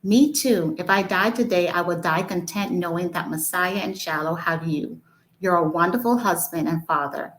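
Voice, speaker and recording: A pastor's wife around forty speaks warmly to her husband, voiced by the author reading her own book. The pitch is low and the delivery stays plain. It is a storybook read-aloud. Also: moderate pace, roomy sound, close to an everyday voice, rough recording. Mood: affectionate.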